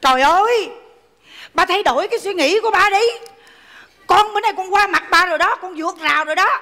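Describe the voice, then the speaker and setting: A woman's voice: extremely high pitch, a little fast, sharp tone, big-room sound, exaggerated voice. A woman with a Southern Vietnamese accent playing a grown daughter begging her father to let her marry, teasing and wheedling in a stage comedy sketch.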